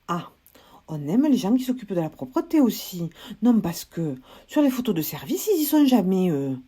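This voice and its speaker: A woman's voice: mid-range voice, big pitch swings, normal speed, mellow, breathy edge. A woman from Toulouse with a Toulouse accent, talking alone in a humorous, ironic monologue with whispered asides. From Toulouse, France. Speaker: vlogger.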